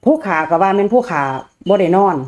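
Isan woman, quick and deferential, middle pitch. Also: darkish tone, lo-fi sound. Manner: deferential, fast earnest speech. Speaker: lay follower.

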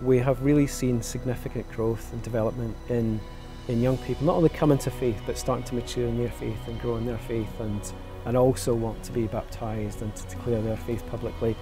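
Man, earnest, church leader, music clearly behind. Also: medium pitch, fairly even intonation, fairly quick, hardly any pauses. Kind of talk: documentary interview.

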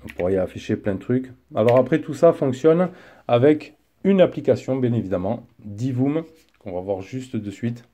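A man casually reviewing a gadget as he unboxes it, chatty and relaxed, with frequent fillers. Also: medium pitch, moderate pace. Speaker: tech reviewer. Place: indoor desk setup.

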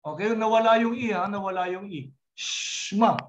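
A man with a Filipino accent teaching a class online, slowly repeating each word and drilling its pronunciation. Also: high-pitched, poor audio. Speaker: Hebrew teacher. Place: online video call class.

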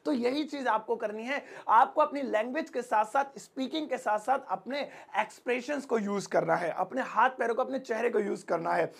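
A man with a Hindi accent teaching spoken English in a fast, joking way, often acting out sample lines. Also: very high-pitched, vocal fry. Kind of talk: energetic spoken-English lesson.

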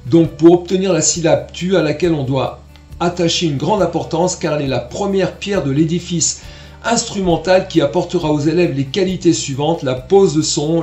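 Male trumpet teacher, patient and explanatory, slightly high voice, roomy echo. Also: warm tone. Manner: patient, explanatory, demonstrates syllables aloud. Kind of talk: online music lesson.

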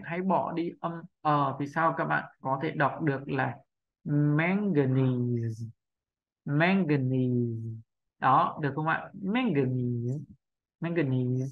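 A man giving a patient spoken pronunciation lesson, repeating sounds slowly and often asking for agreement. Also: fairly high pitch, steady tone, gravelly, lo-fi sound. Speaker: English pronunciation teacher.

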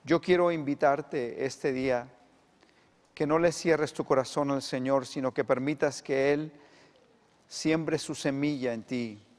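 A middle-aged male pastor, preaching emphatically and swinging between loud and hushed delivery. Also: medium pitch, fairly even intonation, unhurried, in a large hall. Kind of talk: sermon.

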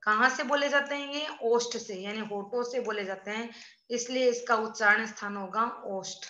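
A woman's voice: a little high, normal speed, sharp tone. A woman teacher giving an online class, explaining step by step and quizzing her pupils as she goes. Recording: dull lo-fi sound in an echoey room.

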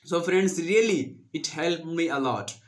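A young man in his twenties, an English-learning channel host with an Indian accent and Hindi as his first language, speaks a little slowly in a voice on the high side. Wearing a lapel mic in a small room with a green screen, he gives earnest, coaching advice straight to camera and addresses viewers as friends.

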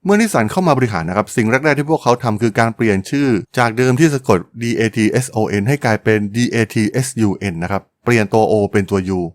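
A man's voice: mid-range voice, lively intonation, quick pace, few pauses, dry recording. A man hosting a podcast, telling a business history story in a polite, chatty way with frequent exclamations. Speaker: podcast host.

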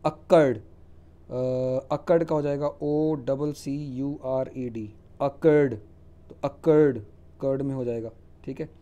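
This Hindi-speaking male spelling teacher has a mellow voice at medium pitch and a steady tone, and the recording's highs are cut off. Lecturing in Hindi on English spelling rules, he reads the rules slowly, explains them in Hindi, spells words letter by letter and asks "ठीक है?"

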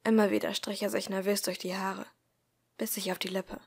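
Brief: woman narrator, hushed and husky, reading a story aloud. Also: medium pitch, level tone, a little fast. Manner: soft, often half-whispered narration. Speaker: audiobook reader. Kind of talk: reading a fan fiction audiobook.

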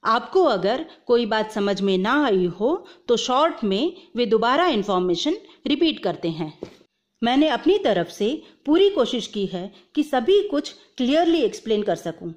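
Walking viewers through instructions one step at a time, this woman narrates a tutorial video at a moderate pace. Her voice is fairly high and sing-song, and she slips English terms into what she says.

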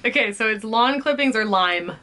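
A young woman chats casually as a vlog host, giggly and expressive. Her voice is bright and fairly high, swinging around a lot in pitch. She is recorded in a small room. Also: normal speed. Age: 20s. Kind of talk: casual chat, reacting to a candy taste challenge. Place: small bedroom, indoors.

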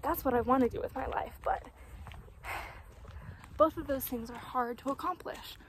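Out in a dry mountain meadow, a twenty-year-old woman vlogs casually on her phone, rambling, mocking herself and swearing often as she muses aloud. She holds the phone at arm's length before propping it on the ground. Her high voice moves at a moderate pace over background noise.

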